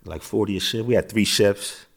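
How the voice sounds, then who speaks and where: A man's voice: on the low side, normal speed. A middle-aged American man, an interview guest, telling his story in a casual streetwise way, with phrases repeated. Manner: streetwise, repeats phrases, frequent "you know what I'm saying".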